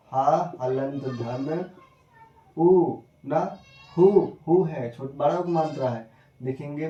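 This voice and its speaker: A man teaching a spelling lesson, repeating himself and firing quick questions at his viewers. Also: medium pitch, dark tone, slight background noise. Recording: echoey room, voice from a distance.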